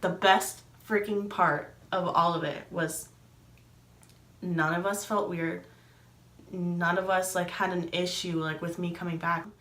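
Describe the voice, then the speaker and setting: A woman's voice: lowish voice, level tone, measured pace, fairly bright tone. Chatty young woman in an echoey room. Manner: chatty, many fillers, acts out quoted dialogue. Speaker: vlogger. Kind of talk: casual storytelling.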